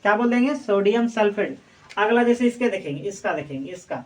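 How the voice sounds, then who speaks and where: A woman's voice: mid-range voice, lively intonation, a little fast. A woman teaching chemistry, repeatedly asking questions and answering them herself. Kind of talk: classroom explanation. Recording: voice distant from the mic.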